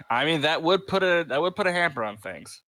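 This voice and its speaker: A man's voice: on the high side, fairly bright tone, dry recording. A man playing in a tabletop game, laid-back and teasing. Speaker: player. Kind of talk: casual chat at a tabletop game.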